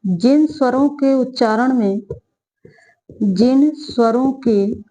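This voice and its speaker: A woman gives a slow, careful grammar lesson in a fairly high voice. She repeats her phrases, asks questions and answers them herself, and stretches out vowel sounds whenever she demonstrates them. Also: mellow, highs cut off, a little hiss or hum. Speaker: Hindi teacher. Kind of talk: exam-prep grammar lesson.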